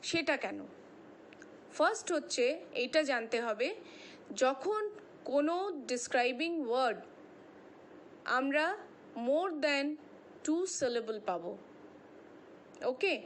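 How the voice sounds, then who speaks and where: Woman teacher, high voice, faint hiss behind, online grammar class. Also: animated. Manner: slow, deliberate explaining, reading English lines aloud word by word.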